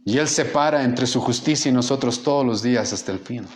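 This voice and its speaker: A man's voice: medium pitch, fairly quick, a little hiss or hum. A man preaching a sermon as pastor, impassioned and rising in volume for emphasis.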